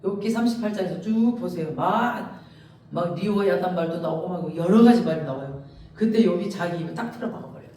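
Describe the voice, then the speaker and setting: A man preaching an expository sermon as pastor, telling the story in a lively way and acting out the quoted lines. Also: high-pitched, brisk. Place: church sanctuary. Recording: echoey church hall, mic at a distance.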